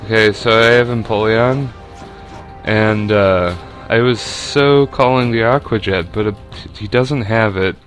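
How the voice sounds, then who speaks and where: A young man with a lowish voice talks his way through a game battle at a slow, easy pace. He rambles and restarts his sentences, with plenty of ums along the way. Faint music plays underneath. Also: a bit bright. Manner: rambling and unhurried, with many fillers and restarts. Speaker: video game player. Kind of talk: casual commentary over a game battle.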